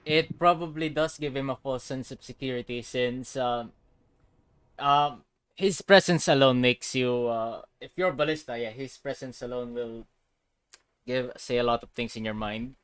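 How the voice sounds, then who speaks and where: A man doing co-commentary on an online racing event, speaking hesitantly and often filling pauses with um and uh. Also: mid-range voice, a bit bright, clear, resonant tone. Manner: hesitant, many fillers and restarts. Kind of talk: casual sim-racing commentary.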